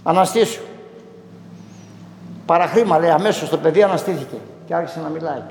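A man with a high voice preaches in a church, telling the story and pausing often to quote each figure. The sound rings around a large hall with a long, echoing tail. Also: darkish tone, slight background noise. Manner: storytelling with frequent "he says" and quoted dialogue. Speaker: Orthodox priest. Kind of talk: sermon retelling a Gospel story.

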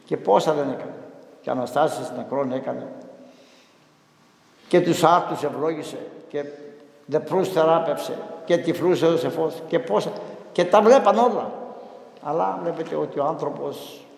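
A man serving as priest, chanting a Gospel reading slowly and then preaching a homily in a plain, storytelling way. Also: fairly high pitch, creaky, a little mellow. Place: large church. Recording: echoey church with long reverb.

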